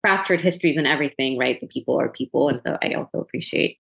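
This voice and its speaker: A woman's voice: extremely low pitch, quick pace, creaky, breathy edge. A young woman psychotherapist born in Ethiopia, speaking as an interview guest on a video call, thoughtful and hesitant with many restarts. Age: young adult.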